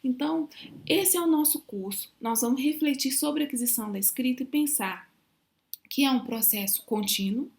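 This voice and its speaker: A woman lecturer with a Brazilian Portuguese accent, giving an explanatory distance-learning lecture and often closing points with a tag question. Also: a little high. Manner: pronounces example syllables and words slowly. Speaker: university lecturer.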